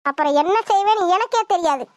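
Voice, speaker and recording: Woman playing a high-pitched scolding old grandma in a village cartoon, dry close voice. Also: expressive, fast talker, dry recording. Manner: scolding, nagging, dramatic wailing.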